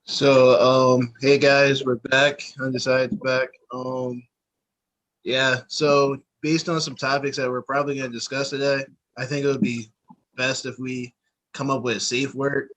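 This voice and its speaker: A man's voice: mid-range voice, little pitch movement, unhurried, a bit bright, rough recording. Chill guy hosting a podcast, jokey, keeps it moving. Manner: laid-back, joking, leads the topics. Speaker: podcast co-host. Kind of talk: casual chat.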